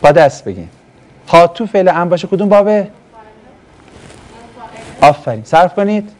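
Animated male teacher quizzing a class. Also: high voice. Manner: animated, asks the class questions and answers them himself. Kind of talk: classroom lesson on Quranic Arabic grammar.

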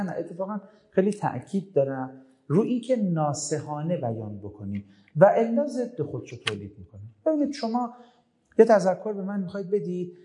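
A man's voice: a little high, mellow. A middle-aged man lecturing students on making demands, emphatic and full of rhetorical questions. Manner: emphatic, rhetorical questions, acts out quoted voices. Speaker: university lecturer.

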